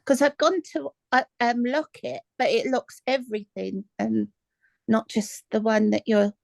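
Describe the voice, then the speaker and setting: A woman on a video call explaining her trouble in a tentative way. Her voice is a little high and creaky, and the sound is dry. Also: steady tone, a little slow, darkish tone, dry recording. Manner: tentative, describing her problem step by step. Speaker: workshop participant.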